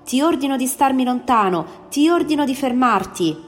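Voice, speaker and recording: A woman voicing a male space engineer, pleading and shouting in despair in a storybook reading. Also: fairly low pitch, steady tone, normal speed, lightly acted. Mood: desperate shouting. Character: desperate male space engineer under stress. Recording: long reverb, faint music behind.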